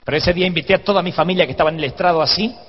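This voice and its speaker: A man preaching a sermon, telling a comic story and acting out the shouts and groans in it. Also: fairly high pitch, racing, in a large hall, a little hiss or hum. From Argentina. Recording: dull lo-fi live sermon recording.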